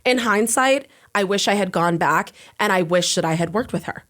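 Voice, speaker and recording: A woman guest on a podcast, chatting casually and telling animated stories. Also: mid-range voice, moderate pace. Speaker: podcast guest, former reality show contestant. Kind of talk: casual chat.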